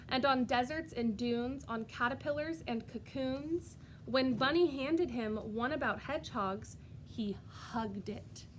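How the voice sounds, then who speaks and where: Reading a storybook aloud like a preschool teacher, a woman sounds expressive and sing-song, stopping to ask young children questions directly. Her voice is a little high, and there's a slight hiss or hum in the audio.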